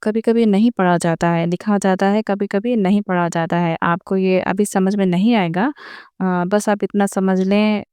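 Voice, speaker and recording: A woman gives an online recitation lesson in a very clear, smooth voice at a mid pitch. She explains each rule patiently and slows right down to sound out the example words. The recording is dry and close. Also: steady tone, a little mellow, no echo. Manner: patient step-by-step explaining, repeating each point; addresses viewers directly. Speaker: Quran recitation teacher.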